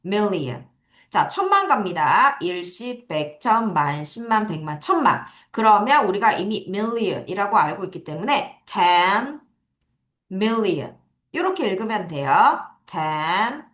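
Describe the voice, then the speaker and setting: Lively Korean-speaking woman teaching kids. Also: mid-range voice, slow, echoey room. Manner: explains step by step with quiz questions to students. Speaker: English teacher. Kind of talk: recorded online lesson for children. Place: classroom at an academy.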